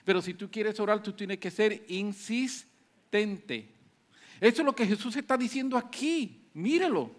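Man, preacher, sermon, very high-pitched, emphatic. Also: animated, a little slow. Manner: emphatic, repeats hallelujah.

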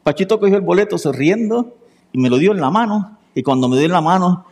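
Fairly high-voiced preacher. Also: male voice, brisk, a little hiss or hum. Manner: lively storyteller acting out dialogue. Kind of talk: sermon storytelling.

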